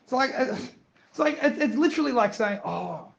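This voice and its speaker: A man, chatting as a podcast guest, animated and repeating words as he tells stories. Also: extremely high pitch, fast, gravelly, muffled recording. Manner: animated, repeats words, acts out others in quotes. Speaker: podcast guest, business owner. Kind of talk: casual interview chat.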